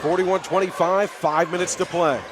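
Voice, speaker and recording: Calling a basketball game live on the radio, this man has a high voice, fairly even intonation, and a moderate pace. He backs the home team and gets excited on big plays. The setting is a high school gym full of crowd noise and bouncing balls.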